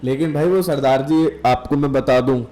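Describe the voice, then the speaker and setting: A man's voice: medium pitch, normal speed, warm tone. A man hosting a casual podcast chat, asking friendly questions and often laughing. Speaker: podcast host.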